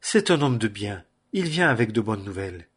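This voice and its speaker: A man's voice: on the low side, big pitch swings, normal speed, husky. A man reading the lines of a grieving aged king during a scripture reading. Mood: regal.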